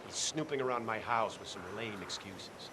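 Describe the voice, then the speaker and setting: A man's voice: on the low side, animated, moderate pace, noisy background, lightly acted. An actor playing a curt, suspicious, irritable man on guard in a video game. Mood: brisk, suspicious.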